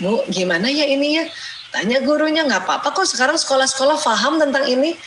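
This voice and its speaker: A woman's voice: on the high side, sharp tone. A middle-aged woman doctor, giving a chatty talk to parents, asking and answering her own questions and acting out parents' lines. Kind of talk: spoken lecture to parents. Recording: echoey room, faint ambient noise.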